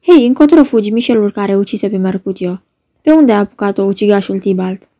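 A woman reading the part of a townsman loudly demanding where the killer went. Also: medium pitch, expressive, close to an everyday voice. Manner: shouting, demanding. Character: townsman, loud, accusing. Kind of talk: dramatic reading of a play.

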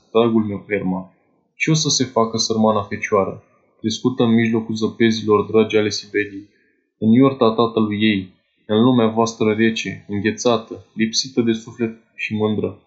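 A man voicing a young captive maiden who speaks in a soft, plaintive way. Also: lowish voice, steady tone, highs cut off, close to an everyday voice. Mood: mournful.

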